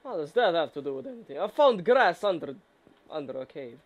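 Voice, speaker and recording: A man's voice: a little high, big pitch swings, a little fast. A young man chatting casually and teasing his friend while they play a co-op game. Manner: teasing, joking. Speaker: gamer. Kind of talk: casual co-op gameplay chat.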